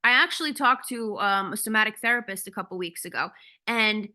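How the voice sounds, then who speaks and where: A woman's voice: medium pitch, a little fast, bright, forceful tone. A woman coach giving a casual, candid talk on a video call, blunt and swearing freely. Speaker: ADHD coach.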